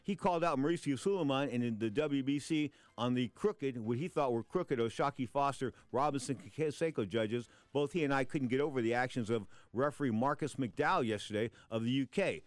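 A man's voice: medium pitch, fairly quick, few pauses, no room sound. A man hosting a sports talk show, giving punchy, opinionated boxing commentary in an emphatic way.

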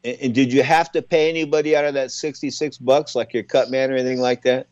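A man in his sixties hosting a radio talk show, chatty and animated as he tells stories and asks questions. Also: medium pitch, quick pace, no echo, muffled recording. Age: 60s.

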